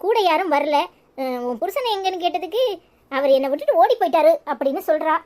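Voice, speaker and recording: A performer voicing a worried, discreet woman doctor in a cartoon comedy, speaking Tirunelveli Tamil in a hushed, confiding way. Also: high-pitched, expressive, fast.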